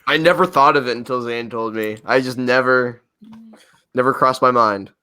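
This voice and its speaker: A man's voice: mid-range voice, normal speed, bright, forceful tone, clear, resonant tone. A man chatting casually on a stream in a friendly way, often trailing off. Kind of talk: casual chat on a live stream.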